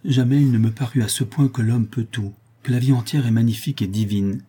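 A man narrating a literary novel as an audiobook in a measured, expressive reading. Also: mid-range voice, slightly rough.

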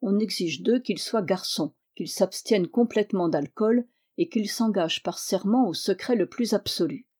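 A woman voicing a brisk, wry male journalist in an audiobook, with lively, emphatic delivery. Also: medium pitch, breathy edge, natural voice. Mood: proud.

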